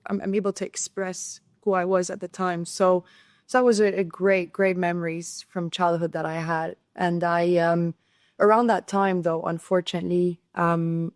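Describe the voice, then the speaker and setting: A woman's voice: fairly low pitch, little pitch movement, normal speed, dry recording, studio quality. A young woman from Syria, a podcast guest telling her story in an earnest way, often restarting and repeating words. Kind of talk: conversational interview storytelling.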